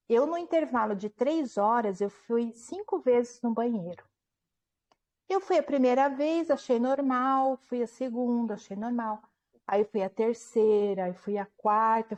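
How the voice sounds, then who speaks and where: A woman, a book author, telling a personal story in an interview at home, animatedly acting out what people said and often checking in with her listener. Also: fairly high pitch. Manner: animated retelling, acting out quoted dialogue, frequent tag questions.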